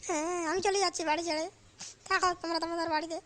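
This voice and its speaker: Woman doing a poor, timid cartoon bride begging her in-laws, with a very high, bright voice and quick pleading talk. She sounds apologetic throughout. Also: steady tone. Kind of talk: comic cartoon voice acting.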